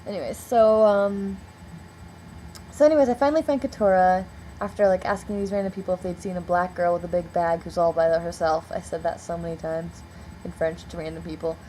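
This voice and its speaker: A woman's voice: fairly low pitch, steady tone, brisk, mellow, a little hiss or hum, rough recording. A young woman in a casual storytelling vlog, rambling and filling her speech with "like" and "um.". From United States. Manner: rambling, heavy on "like" and "um" fillers. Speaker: vlogger.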